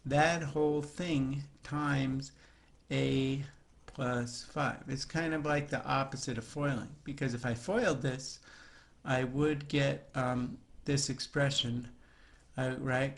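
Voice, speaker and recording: A man's voice: medium pitch, little pitch movement, slow, vocal fry. A man teaching a recorded math lesson, talking students through the steps in a chatty way with jokey asides.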